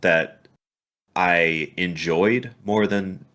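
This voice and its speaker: A man's voice: low-pitched, very slow, fairly bright tone. A man in a casual chat who rambles and restarts his sentences. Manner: rambling, full of fillers and restarts.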